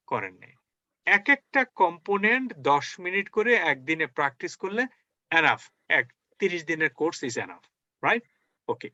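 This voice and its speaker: A man's voice: sits high, pushed and bright, no room sound, highs cut off. A man teaching English as a spoken lesson, coaxing his learners along with many rhetorical questions.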